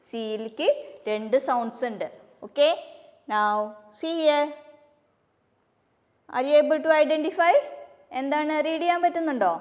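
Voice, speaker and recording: A kindergarten teacher with a Malayali English accent talks very slowly and patiently, spelling each word letter by letter and asking the children questions. Her voice sits high, and a long reverb trails behind it as if she were in a hall. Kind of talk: phonics lesson for young children.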